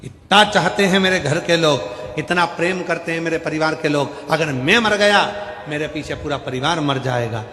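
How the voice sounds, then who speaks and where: A man's voice: fairly high pitch, normal speed, pushed and bright. A man voicing a boastful, self-important merchant, in an echoey hall. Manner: boastful, pleading.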